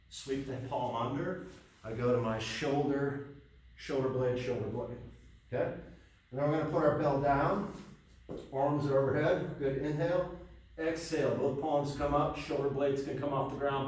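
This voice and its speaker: A man's voice: mid-range voice, darkish tone, a little hiss or hum. A man coaching a workout, cueing each move step by step and getting out of breath. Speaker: fitness coach. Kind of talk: workout instruction. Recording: echoey room, mic far off.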